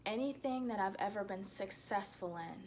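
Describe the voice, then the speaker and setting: A woman giving a reflective self-help monologue to viewers, speaking in a deliberate, halting way with emphatic repetition. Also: medium pitch, a little mellow, slight background noise.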